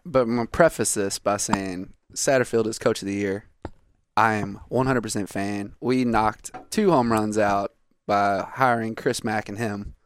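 A man, an MMA fighter guest on a sports radio show, giving quick, enthusiastic fan opinions. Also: on the low side, fairly even intonation, no room sound. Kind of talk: casual sports chat.

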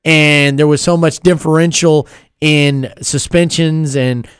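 A man's voice: fairly high pitch, fairly even intonation, measured pace, clean tone, no echo, studio quality. A man co-hosting a casual sports talk show, laughing often as he gives his opinions.

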